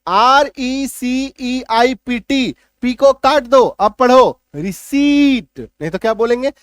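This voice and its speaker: A man teaching English spelling rules in a classroom-style lesson, stressing and repeating each rule and often checking that it is clear. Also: very high voice, big pitch swings, unhurried, dry recording.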